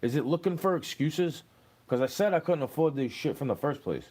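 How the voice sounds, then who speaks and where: A man's voice: fairly high pitch, animated, fairly quick, a little mellow. A young man, rambling and cursing as he answers questions in a street interview. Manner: rambling, profane, aggrieved.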